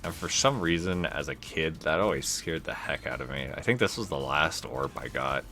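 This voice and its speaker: A man's voice: rumbling low, animated, moderate pace, sharp tone, faint music behind. A young man giving casual, rambling, laid-back gameplay commentary as a let's play host.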